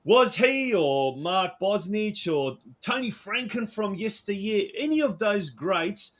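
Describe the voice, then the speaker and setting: A man's voice: sits high, expressive, takes it slowly, a bit bright. A man hosting a football talk show, asking long, chatty, winding questions. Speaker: host.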